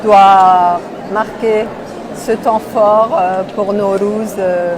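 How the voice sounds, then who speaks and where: A woman's voice: mid-range voice, steady tone, very slow, a crowd in the background, low-quality recording. A middle-aged woman from Iran, answering interview questions at a cultural festival with a hesitant manner and many fillers. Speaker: festival guest. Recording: loud background noise.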